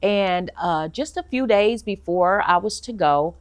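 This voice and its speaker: A middle-aged woman giving an earnest personal testimony, halting often with fillers as she tells her story. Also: mid-range voice, expressive, clear, resonant tone. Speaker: testimony speaker.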